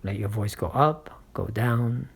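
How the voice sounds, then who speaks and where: A man's voice: on the low side, measured pace, vocal fry, breathy edge. A man hosting his own channel, giving motivational public-speaking advice and often checking in with the listener. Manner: coaching, checks in with frequent "right?" and "okay?"; speaks from experience, encouraging. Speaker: channel host and speaking coach.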